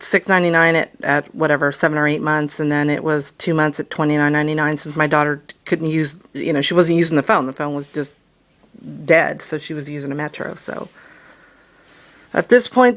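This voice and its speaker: A woman's voice: sits low, steady tone, fairly quick, fairly bright tone. Woman explaining things on a call. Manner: explanatory, persistent. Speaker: customer calling about a bill. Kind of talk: conversational phone call.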